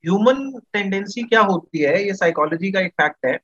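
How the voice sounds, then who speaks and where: A man with a high, husky, slightly bright voice talks animatedly and a little fast as a guest on a casual podcast discussion, and the audio is dull. He explains things at length, mixes Hindi and English, and uses many fillers.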